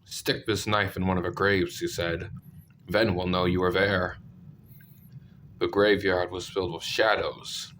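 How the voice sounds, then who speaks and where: A man with a congested, sick-sounding voice narrating scary stories, with deadpan, self-deprecating asides. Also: low voice, measured pace, a little hiss or hum. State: sick, clearing throat. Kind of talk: scripted story narration with casual asides.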